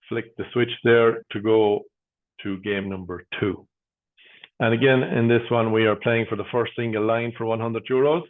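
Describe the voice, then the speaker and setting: A man working as a bingo caller, announcing numbers digit by digit with traditional nicknames in a measured, formulaic way. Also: mid-range voice. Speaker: bingo caller, host of an online bingo game. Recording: narrow phone-like sound.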